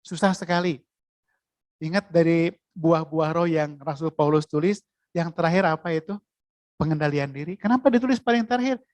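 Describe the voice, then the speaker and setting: Preacher, lively sermon, questions to the listeners, medium pitch, dry sound. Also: normal speed, pauses often, no echo.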